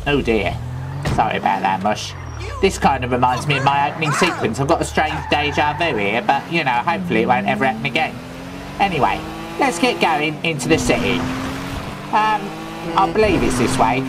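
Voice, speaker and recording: A man with a London Cockney accent playing a loveable, daft, thieving Cockney man in comedic gameplay commentary, rambling in chatty, absurd deadpan asides. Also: mid-range voice, brisk, music in the background, lightly acted. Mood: cheeky.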